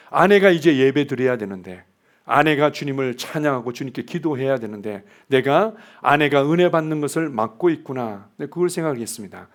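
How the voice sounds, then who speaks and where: A middle-aged man preaching a sermon in a conversational way, acting out what spouses say to each other. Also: medium pitch. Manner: conversational preaching, acts out spouses' lines in quotes. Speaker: pastor.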